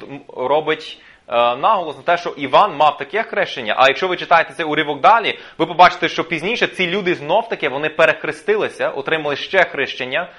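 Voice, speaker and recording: Bright-voiced man preaching a sermon. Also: on the high side. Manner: teaching, explains step by step with filler pauses. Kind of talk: sermon with scripture reading.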